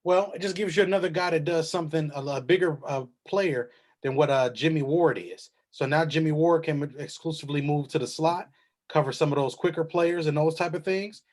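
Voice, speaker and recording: Sports panelist, high-pitched man, confident player breakdowns. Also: fairly quick, a little mellow. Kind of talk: casual sports talk.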